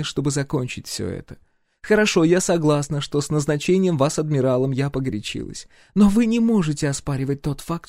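Imperious empress, voiced by a man, commanding and coolly polite, pitched high and lively, dry close sound. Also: no echo. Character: proud imperious empress, middle-aged woman.

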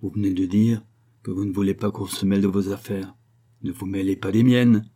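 A man's voice: deep voice, little pitch movement, a little fast, dark tone, husky. A man reading the part of a bold young man, speaking up earnestly and indignantly. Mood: defiant.

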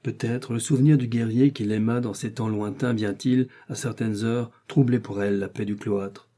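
A man narrating a classic adventure story in the first person, in measured literary storytelling. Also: fairly low pitch, fairly even intonation, warm tone. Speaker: audiobook narrator. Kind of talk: scripted narration.

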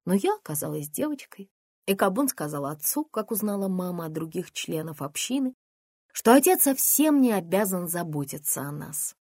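A woman narrating a first-person memoir as an audiobook, in a quiet, restrained storytelling manner. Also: lowish voice, big pitch swings, moderate pace, breathy edge, dry recording, clean studio sound.

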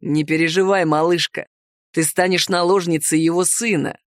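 A woman reading aloud and voicing an arrogant, boorish young werewolf man with a slow, leering, self-assured drawl. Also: on the low side, steady tone, no room sound, clean studio sound, pitched below the performer's own voice, lightly acted. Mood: smug. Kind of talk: audiobook character voice.

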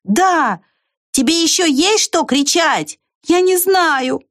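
Woman voicing a squirrel, eager, high and calling out, lively storybook voice. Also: takes it slowly, heavily acted. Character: cheerful eager young female squirrel.

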